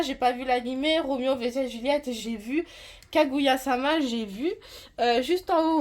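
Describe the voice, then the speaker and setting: A woman from France giving a casual, rambling tour of her manga collection, with frequent hesitations. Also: high-pitched.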